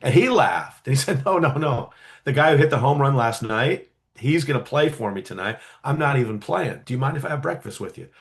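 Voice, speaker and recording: A man telling a story casually in an interview, animated, with many fillers and quick acted-out quotes. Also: medium pitch. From California, USA. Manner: animated, acts out quoted voices, frequent fillers. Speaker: guest storyteller.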